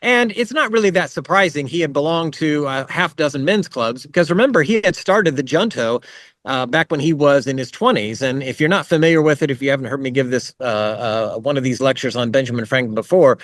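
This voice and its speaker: Male lecturer, mid pitch, chatty and digressive, dry close sound. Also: a little fast, dry recording. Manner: conversational, with fillers and asides. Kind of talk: online history lecture. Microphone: video call.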